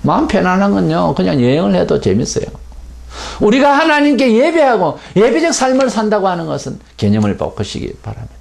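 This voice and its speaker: A male pastor delivering a Sunday sermon with a gravelly edge to his voice. His delivery is animated, rising high for emphasis and then sinking low. He preaches in an emphatic, insistent way. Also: fairly quick. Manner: emphatic preaching with wide swings between raised and dropped voice.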